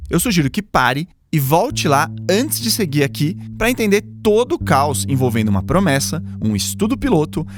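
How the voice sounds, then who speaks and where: A Brazilian man hosting a podcast and reading scripted narration. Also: on the high side. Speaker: podcast host. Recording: clear guitar music behind the voice.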